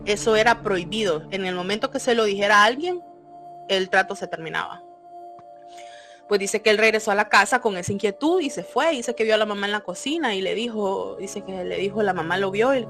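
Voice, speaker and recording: A woman, co-hosting a podcast and telling a story with lively, acted-out voices. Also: medium pitch, brisk, soft background music. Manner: animated, acts out quoted voices. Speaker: podcast co-host. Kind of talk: casual storytelling.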